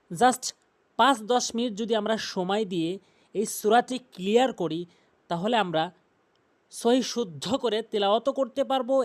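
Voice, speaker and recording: A man teaching Quran recitation, patiently repeating pronunciation rules and chanting slow examples. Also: sits high. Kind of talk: recitation lesson.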